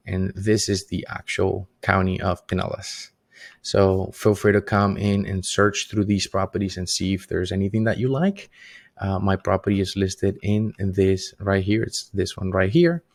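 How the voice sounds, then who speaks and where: This Colombian man has a fairly low, darkish voice and presents himself as a real estate agent in a to-camera vlog. Filming from a small, dim home studio glowing with colored lights, he keeps things casual and sincere, with lots of fillers.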